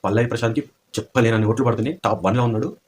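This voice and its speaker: Man, opinion commentary, rhetorical questions, very fast delivery, mid pitch. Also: a little hiss or hum.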